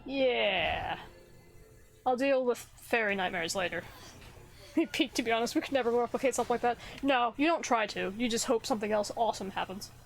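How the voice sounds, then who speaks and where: A woman's voice: on the high side, fairly quick, vocal fry. A woman streamer chatting casually with viewers while she plays a video game. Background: faint game music.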